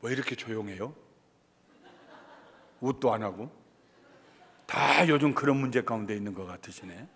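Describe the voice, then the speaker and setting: A male pastor preaching with a gravelly, husky voice that rolls with a long reverb through a church hall. He is animated and brings everyday family scenes to life as he speaks. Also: mid-range voice, moderate pace, pauses often. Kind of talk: expository sermon.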